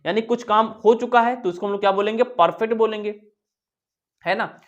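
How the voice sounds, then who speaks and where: In dull-sounding audio, a high-pitched man talks a little fast while teaching a lesson casually and chattily. He poses questions and answers them himself, repeatedly dropping in "yaar".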